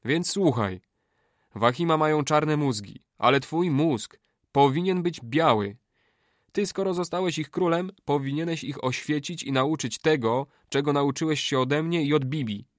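Male reader playing a stern young boy, commanding, lectures loudly, raised pitch, dry close sound. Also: moderate pace, no room sound, natural voice. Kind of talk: audiobook character voice.

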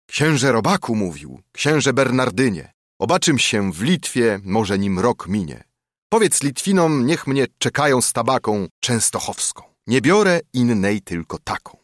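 A man's voice: medium pitch, no echo, clean studio sound. A man voicing an old Bernardine friar who speaks with hearty, oratorical persuasion. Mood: boastful.

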